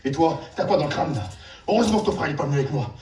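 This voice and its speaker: A man's voice: a little high, expressive, racing, a little mellow, faint music behind, lightly acted. A man playing a hard, domineering, sardonic character in a naturalistic drama, speaking in blunt, commanding sentences. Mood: angry, scolding. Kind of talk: naturalistic film drama acting. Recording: echoey room, distant from the mic.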